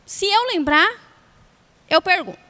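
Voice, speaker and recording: A woman's voice: extremely high pitch, lively intonation, unhurried, pushed and bright, exaggerated voice. A woman voicing a frustrated, impatient man who complains about his bad luck.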